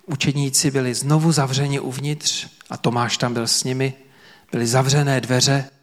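A man preaching a sermon as pastor to a church congregation, earnest and emphatic with dramatic pauses. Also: medium pitch, big-room sound. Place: church service before about 300 people.

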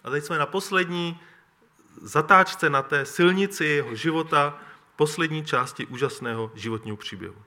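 Bright-voiced man reading Bible stories. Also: a little high. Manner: measured storytelling with occasional throat clearing. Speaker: Bible teacher. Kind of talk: Bible story reading with commentary.

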